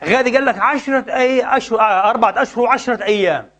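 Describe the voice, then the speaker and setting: A man, teaching Islamic jurisprudence in an animated lecture, repeatedly asking listeners to finish his sentences. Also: very high voice, racing. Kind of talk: lecture with call-and-response questions.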